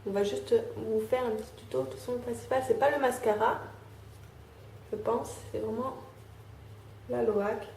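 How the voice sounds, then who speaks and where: A young woman talking through a casual makeup tutorial, filling pauses with "euh" and "hein" as she applies makeup. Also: a little high, steady tone, gravelly, darkish tone. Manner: chatty, fills with "euh" and "hein", talks while applying makeup. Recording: echoey room, faint background noise.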